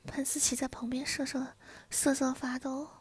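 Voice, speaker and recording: A woman's voice: sits high, level tone, moderate pace, slightly rough, no echo. A woman narrating a whispered role-play in the second person, with a taunting, domineering and menacing manner.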